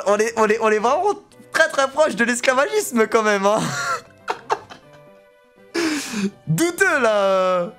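A young man streaming a video game, chatting casually in slang and joking as he plays. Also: high-pitched. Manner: slangy, joking, reacting aloud. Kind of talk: casual let's play commentary.

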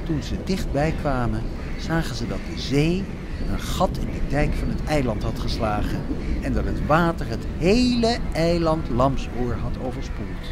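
A man narrating a children's story in a slow, expressive storytelling way. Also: mid-range voice, noisy background.

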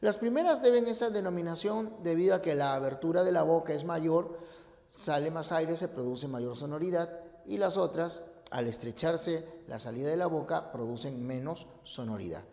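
A man teaching a grammar lesson, explaining slowly and deliberately and spelling out example words one by one. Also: fairly high pitch, darkish tone, long reverb tail.

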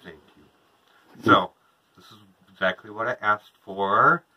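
A man's voice: fairly low pitch, a little slow, muffled recording. A man in his thirties, a vlogger, chatting casually to a camera across from him inside a small trailer. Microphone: camera a couple of metres away.

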